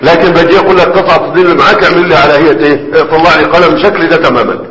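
A man with an Egyptian Arabic accent gives a conversational classroom lecture on grammar, often checking in with his students. His voice is fairly high, a bit bright and rapid-fire, heard in an echoey hall with faint background noise.

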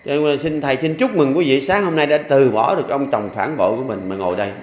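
A man's voice: mid-range voice, quick pace, slight background noise. An older man who is a Buddhist monk, speaking with a Southern Vietnamese accent, preaching in a folksy, joking way with rhythmic repeated refrains in a temple hall. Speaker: Buddhist monk giving a dharma talk. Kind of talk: sermon. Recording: echoey hall with faint ambience.

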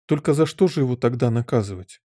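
A man's voice: mid-range voice, animated, quick pace, warm tone, no echo, clean studio sound, close to an everyday voice. A man voicing an earnest, curious little girl of seven in an audiobook. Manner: earnest, questioning.

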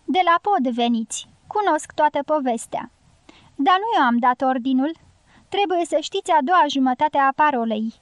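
A woman's voice: high voice, lively intonation, dry recording. A woman reading the lines of a joking, careless male guerrilla sentry in an audiobook, in a teasing, mocking manner.

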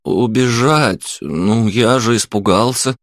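A man's voice: mid-range voice, big pitch swings, takes it slowly, no room sound, studio quality, voice pushed up. A man voicing a terrified, cowardly young rich boy who stammers and pleads in an audiobook. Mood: scared, stammering. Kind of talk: audiobook character voice.

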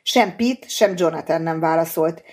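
A woman narrating a novel in a measured, steady audiobook reading. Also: deep voice.

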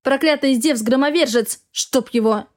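A woman's voice: high-pitched, normal speed, a little mellow, natural voice. A woman reading the lines of a domineering, angry husband in an audiobook, barking harsh commands.

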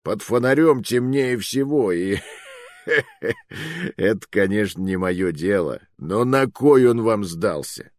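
A man's voice: fairly low pitch, lively intonation, takes it slowly. A man voicing a mocking bearded officer captured by rogues, in an audiobook reading. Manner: sneering, scoffing. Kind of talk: audiobook narration.

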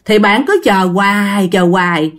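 A woman telling a ghost story in a casual, lively way, acting out the voices she quotes. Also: mid-range voice, unhurried.

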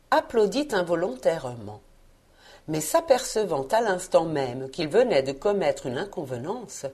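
A woman reading a classic novel aloud as an audiobook, with measured, expressive storytelling. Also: mid-range voice. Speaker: audiobook reader. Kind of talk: scripted narration of a classic novel.

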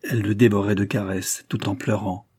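Un homme lit un roman en livre audio, d'un ton posé et expressif. Sa voix est plutôt grave, sombre et un peu voilée. L'enregistrement est très sec, sans écho. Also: male voice, lowish voice, fairly even intonation, fairly quick, darkish tone, husky, no room sound. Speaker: audiobook narrator. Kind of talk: literary audiobook reading.

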